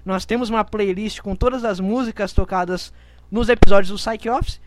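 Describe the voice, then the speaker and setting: A man's voice: sits high, fairly even intonation, normal speed, dry recording. A man in his twenties co-hosting a podcast with casual banter, playfully exclaiming as he reads listener comments. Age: 20s.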